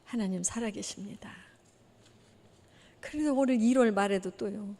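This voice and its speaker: A woman missionary preaching a testimony sermon, telling her story in an animated way and acting out the dialogue. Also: medium pitch, normal speed. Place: church sanctuary. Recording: long reverb of a church hall.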